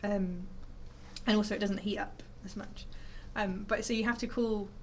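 With slight background noise, a woman speaks at normal speed in a medium pitch with fairly even intonation. A scientist by profession, she explains physics to listeners in a chatty, enthusiastic manner packed with fillers and self-corrections.

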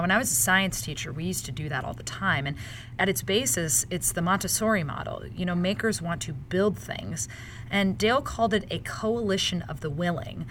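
Woman, lowish voice, very lively intonation, podcast co-host, faint hiss. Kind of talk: scripted news read and casual chat.

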